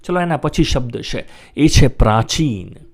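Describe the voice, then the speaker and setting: A man teaching English vocabulary in his native Gujarati, saying each word slowly several times and asking listeners to repeat after him. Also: mid-range voice, expressive, creaky.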